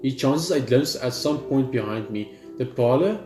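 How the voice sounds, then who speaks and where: His intonation is lively and his pace normal as this man, mid-range in pitch, reads a visual novel out loud for a let's play. Now and then he stumbles and rereads, tossing in asides. Video game music sits behind a roomy, echoing sound.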